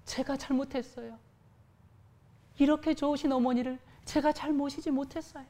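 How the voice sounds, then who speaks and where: A woman's voice: sits high, steady tone, normal speed, warm tone, voice pushed up. A woman preacher voicing a young daughter-in-law who pleads urgently and confesses her fault. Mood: pleading.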